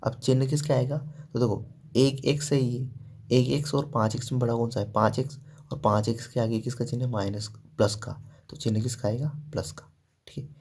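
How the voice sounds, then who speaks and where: A man's voice: mid-range voice, steady tone, brisk, a little mellow. A man teaching a math lesson step by step, asking questions and answering them himself, with frequent "ठीक है" and "देखो".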